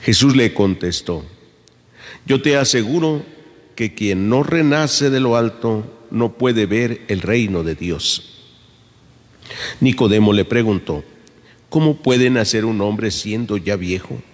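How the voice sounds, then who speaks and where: A man serving as priest, reading the gospel and preaching at Mass with a measured, solemn delivery, his voice ringing with cathedral echo in a large church. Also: on the low side. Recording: long church reverb.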